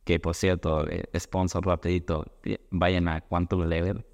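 Tipo de voz bien grave entrevistando, titubea bastante, sala con eco. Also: male voice, deep voice, level tone, a little slow, creaky, big-room sound. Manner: reacts with soft interjections, hesitant phrasing. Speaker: host. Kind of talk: casual conversational interview.

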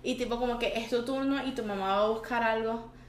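A young woman with a Venezuelan Spanish accent, co-hosting a casual podcast chat, slangy and animated with lots of fillers. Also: on the high side, a little fast. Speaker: podcast co-host. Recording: roomy echo, faint background noise.

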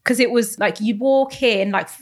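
A woman's voice: a little high, normal speed. British woman who says w for v. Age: 20s. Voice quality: speech quirk, says w for v. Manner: chatty, frequent "like" and "kind of". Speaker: guest. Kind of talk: casual conversational interview.

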